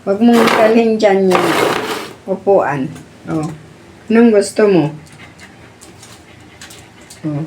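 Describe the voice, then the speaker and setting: A woman's voice: medium pitch, lively intonation, slow, long pauses, background noise. A woman filming her dog at home on a phone, talking to it in a coaxing, questioning sing-song and explaining to the viewer. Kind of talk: casual talk to a pet and camera. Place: home indoors.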